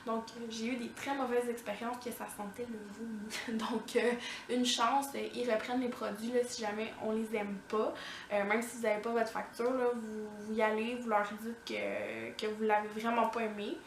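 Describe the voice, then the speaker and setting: A woman's voice: on the high side, level tone, moderate pace, slight background noise. A woman with a Québécois accent reviewing finished products in a casual vlog, chatty and full of "euh" fillers. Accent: Québécois French. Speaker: beauty vlogger. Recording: echoey room.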